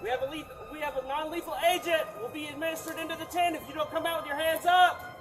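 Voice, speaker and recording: A man barks a formal police warning through a megaphone, his voice strained very high. He rattles the words off at a brisk clip. Music plays underneath. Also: fairly even intonation. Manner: loud formal warning announcement, shouted. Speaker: police officer. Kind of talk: bodycam footage.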